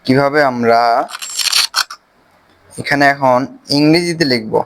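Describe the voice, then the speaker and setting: A man with a Bangladeshi Bengali accent, casually explaining a phone video-editing app step by step, with pauses as he clicks. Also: medium pitch. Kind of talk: screen-recorded software tutorial.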